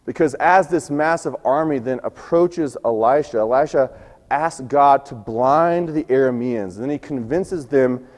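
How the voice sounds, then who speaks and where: A man preaching a sermon, telling a scripture story and acting out its quoted lines, his voice going hoarse. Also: medium pitch, measured pace, a little mellow, big-room sound. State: losing his voice. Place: church sanctuary.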